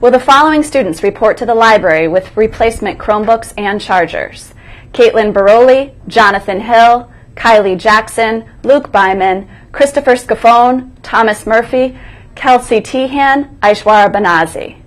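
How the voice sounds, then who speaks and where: A woman's voice: a little high, normal speed. A woman co-hosting a school morning broadcast, reading scripted announcements aloud.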